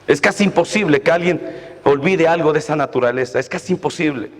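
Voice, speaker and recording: A man in his forties, a pastor preaching a sermon with rising intensity and occasional shouts. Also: a little high, fairly quick. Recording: echoey hall, faint noise.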